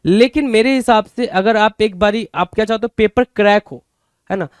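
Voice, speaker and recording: In an exam-prep vocabulary class, a man speaking Indian English repeats terms and asks rhetorical questions, addressing students as "bhai." He has a high, clear, resonant voice at a moderate pace, recorded in a clean studio with no echo.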